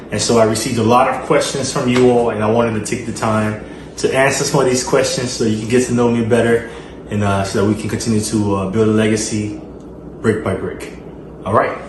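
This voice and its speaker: A man from Liberia with a Liberian accent, hosting his channel and answering fan questions in an earnest way, with frequent fillers and repeated phrases. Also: fairly low pitch. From Liberia, West Africa. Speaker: channel host. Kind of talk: casual Q&A vlog. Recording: echoey room with noise.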